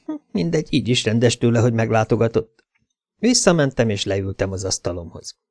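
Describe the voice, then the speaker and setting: A man's voice: medium pitch, very animated, a little mellow, dry recording. A man tells a story in the first person in a laconic, wry manner. His voice sits mid-range for a man. The recording is dry and close. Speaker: audiobook narrator. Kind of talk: first-person audiobook narration.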